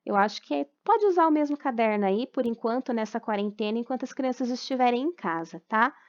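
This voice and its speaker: A Brazilian woman, a primary school teacher, patiently walks parents through homework answers, checking in often and spelling out words slowly syllable by syllable. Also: a little high, lively intonation, lo-fi sound. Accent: Brazilian Portuguese. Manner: patient, explanatory, frequent check-ins, slow syllable-by-syllable dictation. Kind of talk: recorded lesson correction for parents. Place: at home during quarantine.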